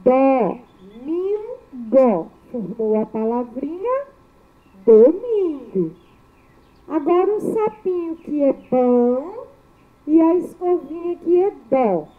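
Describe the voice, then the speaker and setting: Sounding very animated, a woman with a high voice runs a spelling lesson for kids, pronouncing syllables slowly, clearly and in a sing-song way. The recording has a thin, phone-like quality.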